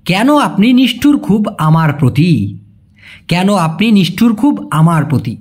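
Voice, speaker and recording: A language teacher, speaking in a colloquial way and repeating example phrases slowly. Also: medium pitch, sing-song, a little mellow, slightly rough. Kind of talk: language lesson.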